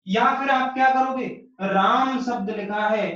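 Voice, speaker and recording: A high-pitched male teacher gives a patient grammar lesson, repeating each point and posing his own questions. His voice rings around a very echoey room. The sound is dull and distant, as if the mic sits well away from him. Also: steady tone, unhurried, a bit bright. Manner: explains patiently, repeats key phrases, asks and answers his own questions. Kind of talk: online Hindi grammar lesson.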